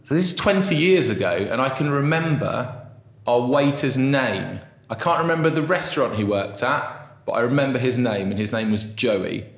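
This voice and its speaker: A man's voice: medium pitch, animated, moderate pace. A man in his thirties, raised in England, telling his story as a podcast guest in a rambling, self-deprecating way. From Brazil, raised in England. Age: 30s. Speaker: guest, restaurant founder. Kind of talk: casual podcast interview. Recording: roomy echo.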